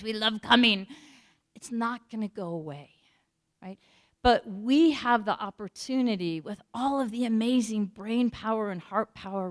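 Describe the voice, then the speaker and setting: Woman, American, smooth clear voice, earnest, reflective speech, uses fillers. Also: mid-range voice. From United States. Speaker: panel speaker. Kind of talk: community talk.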